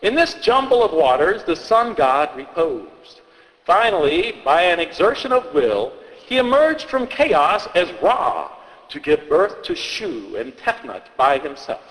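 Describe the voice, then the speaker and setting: A man rambles through old folk tales, stumbling and restarting his sentences as he goes. His voice is bright and lively, and a long hall reverb trails behind it. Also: on the high side, a little slow. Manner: rambling, hesitant, with many restarts and fillers. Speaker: storyteller. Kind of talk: comic storytelling, reading folk tales aloud.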